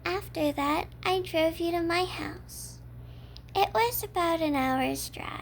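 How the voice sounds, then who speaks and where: Using a very high, exaggerated voice with vocal fry, a woman speaks slowly and steadily over a faint hiss or hum. She's playing an obsessive, cheerful yandere kidnapper in ASMR role-play, talking to the listener as her captive in a fond, coy, matter-of-fact tone.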